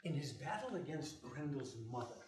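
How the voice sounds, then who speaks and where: A man's voice: a little high, animated, normal speed, darkish tone, distant mic, lightly acted. A man playing a middle-aged, bookish father in an audio drama, wry and loving but volatile, with articulate speech. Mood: measured, probing. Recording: echoey room, off mic.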